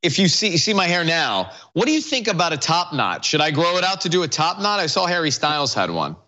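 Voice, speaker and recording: A man co-hosts from his home kitchen, his bright, slightly high voice swinging up and down as he asks questions eagerly. He sounds relaxed and chatty on the video call. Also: quick pace. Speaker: talk show co-host. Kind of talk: casual chat over video call.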